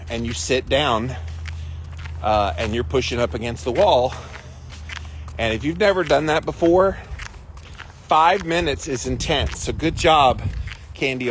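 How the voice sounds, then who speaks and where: A man's voice: medium pitch, a little slow, pauses often. Encouraging man livestreaming over outdoor noise. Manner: encouraging, praising viewers. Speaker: livestream host of a daily ice bath challenge. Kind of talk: casual livestream chat, reading and answering viewer comments.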